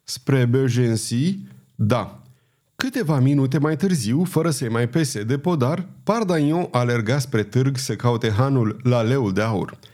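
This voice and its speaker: A man narrates a historical adventure novel with dramatic expression. His pitch rises and falls vividly over a warm, dark timbre. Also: expressive. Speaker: audiobook narrator.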